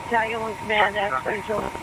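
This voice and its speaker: A male fire dispatcher makes procedural radio announcements in a high-pitched voice. His wording is formulaic. The scanner audio has clear vehicle noise in it. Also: flat delivery, rapid-fire.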